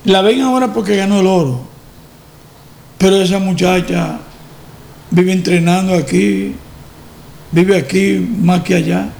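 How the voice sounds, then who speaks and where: A man with a Dominican accent hosting a sports segment on a talk show, animated and repeating phrases for emphasis. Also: sits high, measured pace, vocal fry, long pauses. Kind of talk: radio talk show chat.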